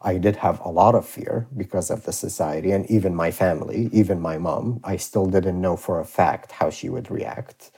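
A young man from Iraq with a low, dark voice, talking as a guest on a podcast. He speaks openly and reflectively, with easy laughter between thoughts. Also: moderate pace, few pauses, husky. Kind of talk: podcast interview.

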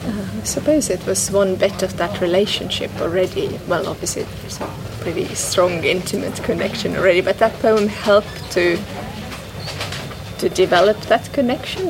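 A medium-pitched woman whose first language is Estonian is a guest in a reflective conversation about a poem, recorded indoors in a noisy public bookshop. She speaks thoughtfully and hesitantly, pausing often, restarting sentences, and saying "you know" a lot.

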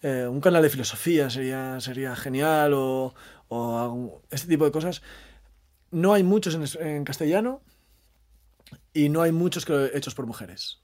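Thoughtful man, halting phrasing. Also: on the high side, darkish tone. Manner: thoughtful, halting with repeated phrases and tag questions. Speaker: interview guest, maths communicator and storyteller. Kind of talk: reflective conversational interview.

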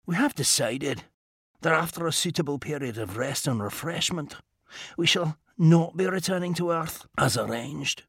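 A precise, unhurried inventor, as a man voices him, speaking quietly and a touch reproachfully. His delivery is measured but the pitch moves with life. The sound is close and dry. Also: lively intonation, vocal fry, breathy edge, no room sound, heavily acted. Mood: calm.

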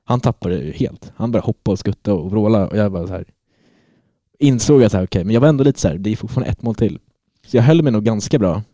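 A man's voice: on the low side, animated, mellow, dry recording, studio quality. A man on a football podcast, telling a long story in casual chat and swearing freely. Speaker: podcast co-host.

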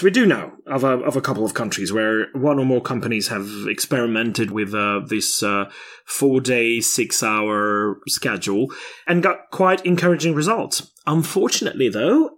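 A man's voice: medium pitch, animated, normal speed, fairly bright tone. A man in his late thirties co-hosting a podcast, chatting casually and explaining a news story with frequent laughs. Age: 30s. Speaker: podcast co-host.

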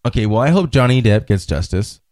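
A man hosting a casual podcast chat, laughing often and swinging from loud outbursts to low mumbles. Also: animated, fairly quick. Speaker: podcast host.

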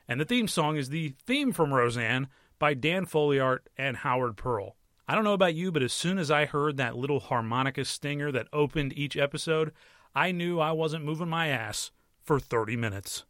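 An American man with a slightly high voice talks casually as a podcast host. His delivery is wry and conversational. The sound is close and dry, as he records shut inside a small closet. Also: fairly bright tone, no echo. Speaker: podcast host and movie and TV critic. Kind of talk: casual solo podcast monologue.

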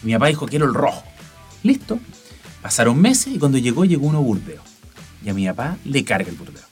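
A Chilean man in his forties chats casually as a podcast co-host, telling anecdotes. His voice is medium in pitch, with soft music behind it. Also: big pitch swings, brisk. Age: 40s.

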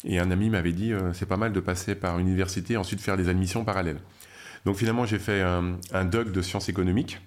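Man, from France, middle-aged, slightly low voice, chatty, lots of fillers. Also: steady tone, quick pace. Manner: chatty, many fillers and restarts. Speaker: guest, media founder. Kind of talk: interview storytelling.

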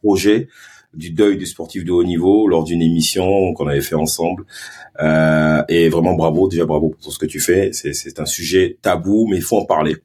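A man with a Marseille accent talks in a casual podcast interview. His voice sits deep and low, with a husky grain. He tells stories in a lively, animated way, stumbling over restarts as he goes. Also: normal speed. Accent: Marseille French. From Ivory Coast and Marseille. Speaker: guest, former pro footballer turned sports marketing agency head.

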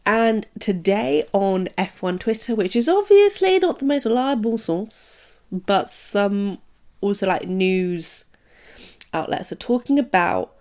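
A woman's voice: mid-range voice, darkish tone. A young woman from the United Kingdom hosting a casual solo podcast, chatty and full of "um" and "like". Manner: chatty, many fillers like "um" and "like". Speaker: podcast host.

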